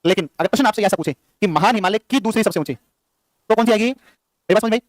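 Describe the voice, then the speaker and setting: A sleep-deprived male teacher lectures his class at a very fast clip in a high-pitched voice, rapidly quizzing students with the same questions again and again. The recording is close and dry, with no echo.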